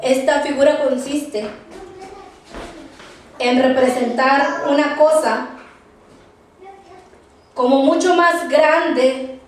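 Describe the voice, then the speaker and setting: A high-pitched woman leads a Bible study lesson, slow and halting, circling back over her words and spelling terms out letter by letter. She is heard from a distance in a very echoey room with faint background noise. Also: steady tone. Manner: halting, repeats words, tags phrases with "¿verdad?"; spells words out slowly for note-taking. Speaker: Bible class teacher.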